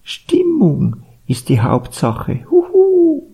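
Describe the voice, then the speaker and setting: A man's voice: very high-pitched, huge pitch swings, extremely slow, creaky, warm tone, breathy edge, pitched above the performer's own voice, full character voice. A man voicing a fussy owl in a told animal story, hooting between his phrases. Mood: dreamy. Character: hooting fussy owl who loves dim cosiness.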